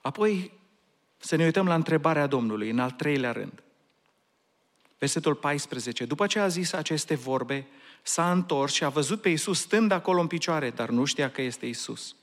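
Male pastor, fairly high voice, earnest sermon delivery full of rhetorical questions. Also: lively intonation. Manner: earnest preaching, rhetorical questions, slips into English phrases.

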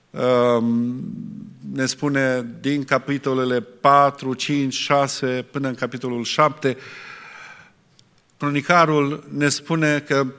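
A man's voice: mid-range voice, a bit bright, long reverb tail. A man preaching a sermon earnestly, asking his listeners rhetorical questions.

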